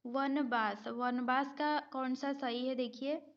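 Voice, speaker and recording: A woman Hindi grammar teacher leads an exam-prep spelling lesson in a high, steady voice, taking her time. She reads out each answer option, repeats the correct word, and checks in with students before moving on. The audio is somewhat dull and lo-fi.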